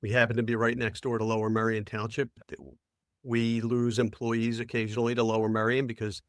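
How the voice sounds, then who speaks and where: A man's voice: medium pitch, monotone, fairly quick, dry recording, clean studio sound. An American man in his fifties, a township manager speaking plainly and steadily in a roundtable discussion. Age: 50s.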